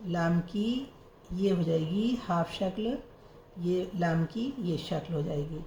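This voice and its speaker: A woman teaches a slow reading lesson, sounding out each letter and then repeating the whole word. Her voice is low, dark and gravelly. She is recorded in an echoey room with a faint hiss behind her.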